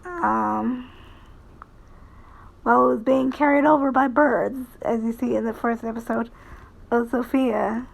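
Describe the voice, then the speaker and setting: Slow, creaky-voiced woman chatting hesitantly. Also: on the high side, steady tone, rough recording. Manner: halting, hesitant, trailing phrases. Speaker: VTuber streamer. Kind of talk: casual rambling commentary on cartoons.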